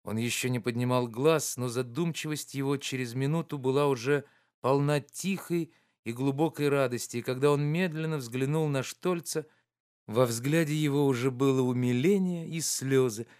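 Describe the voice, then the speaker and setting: A man reading a classic novel aloud as audiobook narrator, in an expressive, theatrical manner. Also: medium pitch, moderate pace, clear, resonant tone. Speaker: audiobook reader. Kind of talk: literary narration.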